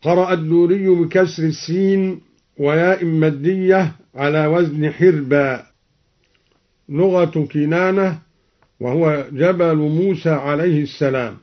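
A man teaching Quranic reading variants in a radio lesson, explaining each variant and then reciting the verse in a measured, drawn-out way. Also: on the high side, fairly even intonation. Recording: dull old radio broadcast recording.

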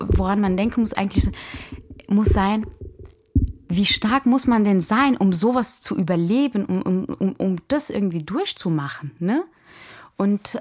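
A migrant activist reflects in an interview, her medium-pitched voice a little mellow. She speaks emphatically and often seeks agreement with short tag questions.

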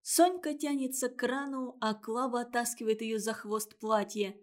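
A woman's voice: on the high side, normal speed. A woman reading a children's story aloud expressively, doing all the voices. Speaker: narrator.

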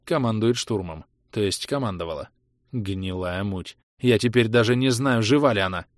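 A man's voice: fairly low pitch, normal speed, no room sound, studio quality, close to an everyday voice. A man reading a tense, curt woman doctor. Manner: curt, strained.

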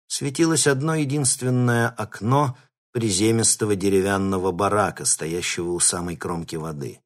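Man narrating an audiobook, low voice. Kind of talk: scripted narration.

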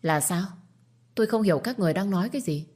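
A woman's voice: on the low side, expressive, fast, a little mellow, slightly rough, pitched above the performer's own voice. A woman voicing a cool, cutting young wife. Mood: cold cutting. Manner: cold, cutting, firm. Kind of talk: storytelling with acted dialogue.

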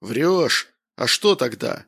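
A man's voice: medium pitch, sing-song, slow, creaky, fairly bright tone, breathy edge, heavily acted. A man voicing a brash, hard-drinking middle-aged man with a blunt, boisterous way of talking, in an audiobook. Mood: angry.

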